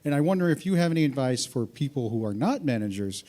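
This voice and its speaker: Fast-talking man with a mellow voice, asking a question. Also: medium pitch, big pitch swings. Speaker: audience member asking a question. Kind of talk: audience question.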